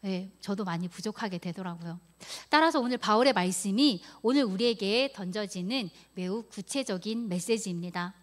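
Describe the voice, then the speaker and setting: A woman's voice: medium pitch, lively intonation, normal speed, few pauses. Woman preacher telling a personal story. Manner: storytelling, acts out quoted prayers and scoldings.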